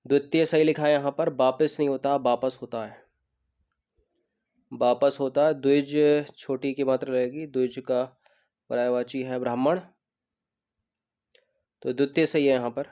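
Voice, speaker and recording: A man teaching an exam prep lesson on Hindi spelling, going through test questions one by one and repeating each right word slowly for his students. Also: medium pitch, dark tone, clear, resonant tone. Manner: checks in with students and asks them questions.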